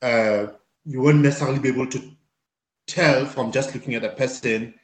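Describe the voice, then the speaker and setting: A man's voice: medium pitch, fairly even intonation, brisk. A man in a casual debate, pushing back with repeated questions and stammering restarts. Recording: roomy echo.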